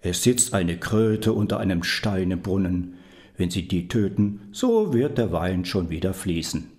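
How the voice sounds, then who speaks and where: A man voicing a grumpy, blustering devil in a storybook reading, speaking gruffly. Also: low voice, lively intonation, measured pace, darkish tone. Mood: grumbling.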